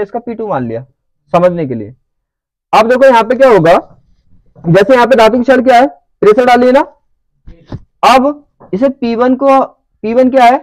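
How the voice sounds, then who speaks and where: Man lecturing a class, high pitch, dry sound, frequent comprehension checks. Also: dry recording, poor audio. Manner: checks understanding with repeated questions. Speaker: teacher.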